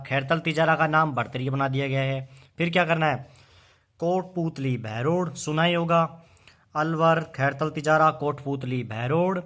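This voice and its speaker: A man's voice: medium pitch, fairly bright tone. A man teaching an exam-prep memory trick, chanting lists of names in rhythm and quizzing the listener. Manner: coaxing, quizzing the viewer.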